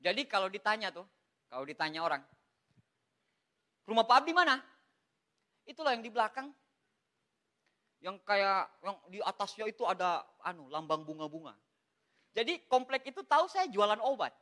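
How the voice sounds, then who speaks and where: A man giving a lively, joking motivational talk, repeatedly addressing his audience as "Pak". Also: sits high, a little fast. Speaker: MLM motivational speaker.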